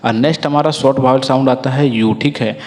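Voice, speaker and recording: A man gives a patient classroom-style phonics lesson. He drills through word lists and often asks listeners to repeat after him. His voice sits at an ordinary pitch, and it rings with a long reverb as if he were recording in a big hall. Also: fairly even intonation, fairly quick, vocal fry, a little mellow. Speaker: English teacher.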